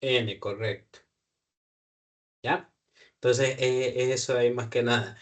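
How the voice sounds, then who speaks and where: A man's voice: mid-range voice, steady tone, slow. A man teaching a programming lesson one-on-one, patient and thinking aloud, checking often that his student follows. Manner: patient, checks understanding with frequent "¿ya?"; self-correcting, thinks aloud with fillers. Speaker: programming tutor. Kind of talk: live one-on-one coding lesson.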